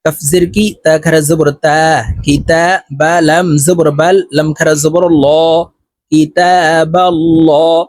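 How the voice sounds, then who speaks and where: A man teaching Quran reading, spelling out each letter and vowel, then reciting the words in a slow drawn-out chant between brisk explanations. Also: fairly high pitch, little pitch movement, a little mellow, no room sound.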